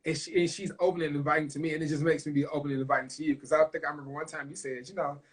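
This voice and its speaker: A man's voice: fairly high pitch, level tone, very fast, rough recording. A man hosting a heartfelt livestream talk, speaking earnestly and emphatically, swearing freely and emotional. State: emotional, choked up. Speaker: host.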